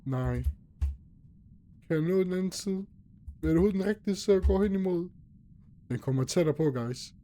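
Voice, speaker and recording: A man's voice: high voice, long pauses, warm tone. A young man nervously commentating a horror game, talking to himself and his viewers as he gets scared. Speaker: gaming youtuber.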